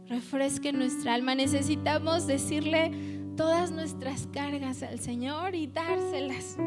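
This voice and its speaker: A woman pastor preaching a gentle sermon, often asking "right?" and saying amen. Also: sits high. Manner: gentle preaching, frequent "¿verdad?" and "amén".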